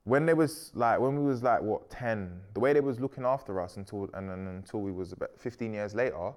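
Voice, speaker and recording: A man from Sierra Leone, chatting casually on a podcast in lively bursts, full of slang and frequent laughter. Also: fairly low pitch. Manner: animated, slangy, laughs often, quick bursts.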